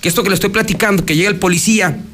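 A man's voice: sits high, rapid-fire, fairly bright tone. A man with a Mexican Spanish accent hosting news radio, retelling a court hearing in a rambling conversational way, acting out the quotes. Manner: rambling, frequent restarts, acts out quotes.

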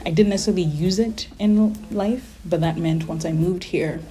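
Low, mellow American-accented woman with slight Kenyan trace. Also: normal speed. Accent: American-sounding with a slight Kenyan trace. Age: 30s. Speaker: interviewee. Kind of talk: reflective casual interview talk.

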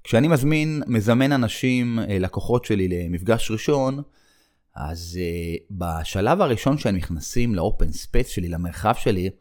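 A middle-aged man with a fairly low voice hosts his own podcast as a running coach. He talks in a slow, reflective monologue, circling back on his points and pausing often to find the next word. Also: expressive, a little mellow. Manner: reflective, repetitive, with frequent hesitations.

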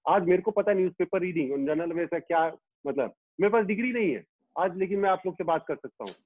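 A man in his fifties who teaches students, talking in an animated interview and hammering home his points by repeating them. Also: high-pitched, quick pace. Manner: emphatic, repeats key phrases for effect. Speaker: teacher of students and YouTube educator. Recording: tinny phone-like line, dry.

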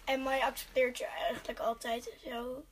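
A woman's voice: high-pitched, level tone, moderate pace, a little hiss or hum. A young teenage girl chatting casually as a guest among friends on a podcast. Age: child or young teen.

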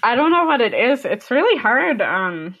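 A woman's voice: fairly high pitch, big pitch swings, moderate pace, sharp tone. A young American woman from the United States, a podcast guest chatting casually, rambling with many fillers and frequent laughter. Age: young adult.

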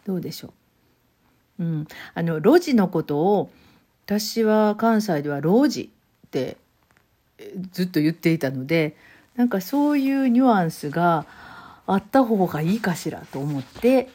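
A middle-aged woman with a Kansai accent, chatting gently and then reading a short story aloud slowly. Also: fairly low pitch, expressive. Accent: Kansai Japanese. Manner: gentle, chatty, many fillers; slows down to read. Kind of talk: casual chat, then unhurried literary reading aloud.

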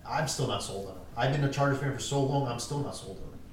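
A man's voice: mid-range voice, fast, a little hiss or hum. A young man co-hosting a podcast, talking sports in a laid-back way with casual swearing. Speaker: podcast co-host. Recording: echoey room from far off.

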